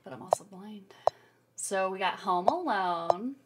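A young woman chatting through a horror game at home, playful and self-mocking. Her voice swings widely in pitch, and a loud hum of background noise sits under everything. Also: expressive, measured pace. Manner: self-deprecating, giggly. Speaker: game player. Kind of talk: casual gameplay commentary. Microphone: home mic, no camera.

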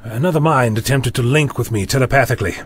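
A man's voice: medium pitch, quick pace, soft background music, close to an everyday voice. A man playing an eccentric time traveller in a sci-fi audio drama, theatrical and polite in his wordy speech. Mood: calm, confident. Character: eccentric male time-travelling Doctor, polite and stubbornly confident.

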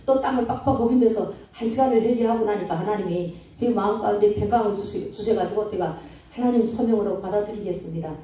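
A middle-aged woman evangelist from Korea, telling her conversion story in an animated church testimony and acting out her own pleading. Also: mid-range voice, quick pace, hardly any pauses, slight background noise. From North Korea. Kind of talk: emotional testimony at a church revival. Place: church sanctuary. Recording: echoey church hall, mic at a distance.

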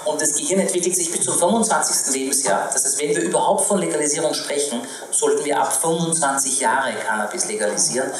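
A man's voice: fairly high pitch, fast talker, hardly any pauses, soft background music. A man in his forties, a physician from Iran, explaining his view emphatically in a panel debate on a small stage, speaking into a handheld mic. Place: small stage with live audience. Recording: echoey room, mic heard from a distance, audience noise.

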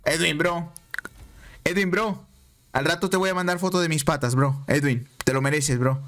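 A Mexican man streaming a game, chatting excitably with viewers and repeating himself. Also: fairly high pitch, normal speed. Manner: excitable, repeats phrases, banters with chat. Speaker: gaming streamer. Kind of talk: casual live-stream chat over gameplay.

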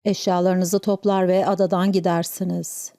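A woman's voice: lowish voice, flat delivery, moderate pace, mellow, dry recording, studio quality, lightly acted. A woman voicing a stern, wounded Breton housekeeper who gives firm orders. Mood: commanding. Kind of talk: audiobook character reading.

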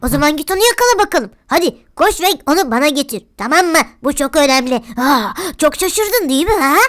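A high, piping voice for a creepy baby in a horror game, put on by a woman. It whines and sulks, then turns sly and taunting, always demanding something. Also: animated, fast, a bit bright.

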